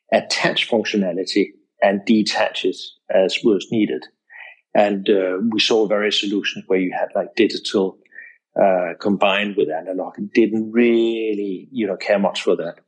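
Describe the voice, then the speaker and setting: A man in his fifties from Denmark, a guest on an interview podcast, speaking in a measured, hesitant way with many fillers. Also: on the low side, low-quality recording. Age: 50s. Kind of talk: casual interview.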